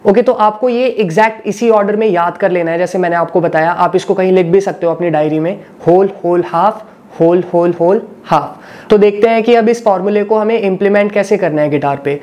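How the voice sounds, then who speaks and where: A man's voice: sits high, a little mellow. A man teaching a guitar lesson, patiently explaining and repeating each step, mixing Hindi with English phrases.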